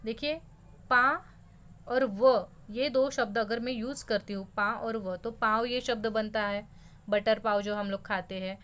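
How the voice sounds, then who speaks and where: A woman's voice: a little high, fairly even intonation, a little slow, a bit bright. A young woman teaching a school lesson, explaining words patiently and slipping English terms into her talk.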